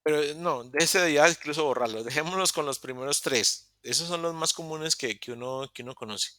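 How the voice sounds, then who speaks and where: A man with a fairly high, bright, forceful voice speaks a little fast while teaching English over a video call. He breaks the explanation into steps, often restarting and correcting his sentences, and the sound is studio quality without any room sound.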